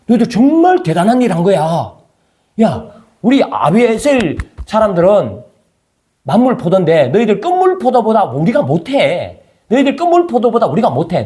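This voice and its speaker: A man acting out a humble ancient male leader calming angry tribesmen with flattering words, inside a sermon. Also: high-pitched. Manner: placating, flattering.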